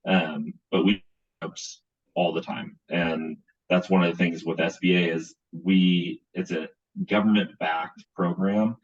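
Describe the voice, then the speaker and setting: A man with a very deep voice explains lending on a webinar panel. His video call audio is dull and lo-fi, and it keeps breaking up, clipping the ends of his words. He talks haltingly and restarts his sentences. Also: fairly even intonation. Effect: choppy audio cutting out, clipped word endings. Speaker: bank lender on a panel.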